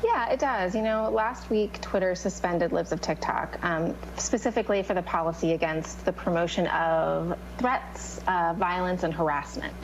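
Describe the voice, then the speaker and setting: A woman's voice: on the low side, fairly even intonation, moderate pace, few pauses, slight background noise, poor audio. A woman commentator on a panel discussion, speaking in a wry, sarcastic way.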